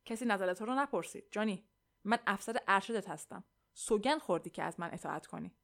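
A woman's voice: mid-range voice, lively intonation, vocal fry, a bit bright. A woman reading an audiobook, voicing a stern older army colonel who gives firm orders. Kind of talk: audiobook character voice.

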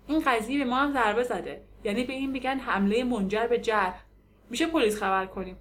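A tough, streetwise hotel manager, voiced by a woman reading an audiobook, who talks in a husky, blunt, slangy voice and haggles without flinching. The voice sits a little high. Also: close to an everyday voice.

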